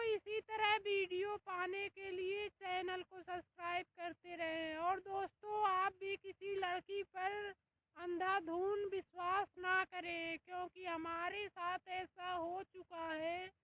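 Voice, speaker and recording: A woman's voice: extremely high pitch, fairly bright tone. A woman speaking earnestly to her viewers at the end of a comedy clip. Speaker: comedy video creator. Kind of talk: casual address to viewers.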